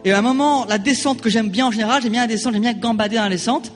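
Brief: high-pitched male pastor, animated storyteller, church reverb, faint music behind. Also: very fast. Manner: animated storytelling, acting out quoted voices. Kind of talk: sermon with personal anecdote.

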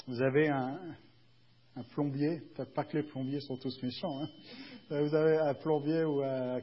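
Un homme qui prêche un sermon sur un ton de conversation et qui demande souvent à l'assemblée si elle le suit. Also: male voice, medium pitch, muffled recording, slight background noise. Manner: conversational, often checks the congregation is following; acts out little dialogues with shifts of tone. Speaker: preacher. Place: church.

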